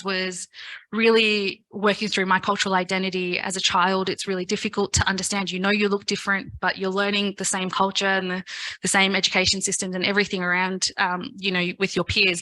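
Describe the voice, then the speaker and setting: Earnest woman from Fiji, bright and flat. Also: medium pitch, fast talker, low-quality recording. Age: 30s. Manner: earnest, a little emotional. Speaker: forum panelist. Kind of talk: personal speech at a forum.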